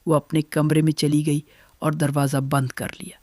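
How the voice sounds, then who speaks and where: An older woman telling her own family story in the first person, in a measured, gentle way. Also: deep voice, flat delivery, no room sound.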